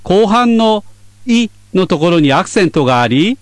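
Lively high-voiced male language teacher. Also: normal speed, no room sound. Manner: clear explanatory delivery. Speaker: radio English teacher. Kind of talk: scripted lesson narration. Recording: dry studio sound.

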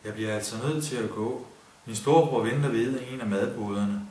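A man voicing a friendly young woman who speaks gently at a festival. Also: mid-range voice, a little hiss or hum, natural voice. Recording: roomy, distant mic, faint ambience.

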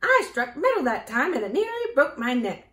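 A woman voicing a bold, matter-of-fact female talking hen in a storybook reading, loud and emphatic, in a roomy, echoey recording. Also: mid-range voice, sing-song, moderate pace, far from the mic, natural voice. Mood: confident. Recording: roomy echo.

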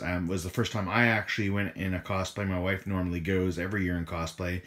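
Hoarse, low-voiced man chatting casually. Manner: relaxed, many fillers like um and uh. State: slightly hoarse from a lost voice. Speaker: toy collector vlogger. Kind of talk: casual vlog rundown.

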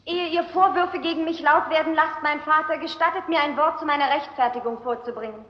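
An actress playing a young daughter in a stage rehearsal, declaiming formal lines, in a German film dub. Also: female voice, high voice, a little fast, a little hiss or hum, natural voice. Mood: declamatory. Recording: echoey stage, dull lo-fi film soundtrack.

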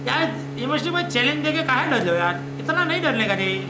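A man live-streaming a mobile shooter, chatting and joking with his squad and giving quick, bossy calls. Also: extremely high pitch, sing-song, music in the background. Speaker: gaming streamer. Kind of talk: casual live gameplay chat. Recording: roomy sound with background noise.

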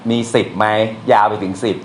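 A man teaching poetry in a casual, blunt way, using slang and reciting verses aloud. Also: fairly quick. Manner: blunt and colloquial, with slang and crude words. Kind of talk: casual lecture on Thai poetry. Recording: echoey room, faint noise.

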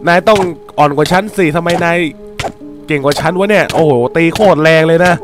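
A young man giving casual, teasing commentary while playing a game, getting excitable at times. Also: a little high, a little fast, over music. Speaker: gaming YouTuber.

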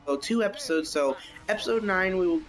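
With soft music in the background, a young man's high, slightly bright voice runs fairly quick and lively as he plays a racing game. Suffering from hiccups, he rambles and reacts out loud in casual let's-play commentary.

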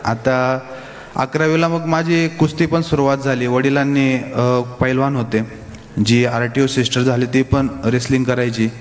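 A man's voice: mid-range voice, little pitch movement, measured pace. A man giving a talk to young people at a summit, telling his own story in a plain, hesitant way with many fillers. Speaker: guest speaker at a youth summit. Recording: echoey hall, faint hiss.

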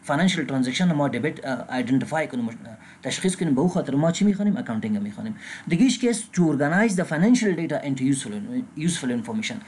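A man with an Afghan Dari accent gives a recorded accounting lecture, reading English terms slowly and pausing with filler sounds. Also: a little high, sing-song, darkish tone, slightly rough. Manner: frequent filler sounds and restarts. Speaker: accounting instructor.

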